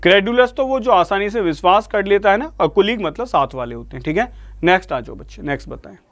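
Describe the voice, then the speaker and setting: A man's voice: sits high, animated, fast talker, fairly bright tone, no room sound. A man with an Indian accent teaching an online vocabulary lesson, coaxing his students along and asking them for answers again and again. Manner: coaxing, repeatedly addresses students as "beta".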